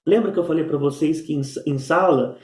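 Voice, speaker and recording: A man's voice: on the high side, fairly quick, a little mellow. A male teacher, explaining exercises in a recorded lesson, with frequent tag questions and fillers. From Minas Gerais, Brazil. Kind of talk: recorded remote lesson going over exercises. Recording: echoey room.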